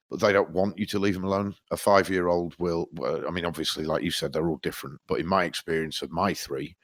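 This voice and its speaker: A man in his thirties, co-hosting a podcast in casual chat, telling sweary, animated stories. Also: deep voice. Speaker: podcast co-host.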